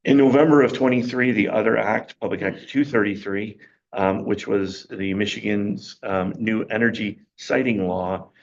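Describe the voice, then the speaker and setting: Low gravelly man losing his voice. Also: steady tone. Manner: halting, many ums and uhs. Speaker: county planning official presenting a report. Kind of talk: public meeting presentation. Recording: dull lo-fi meeting audio.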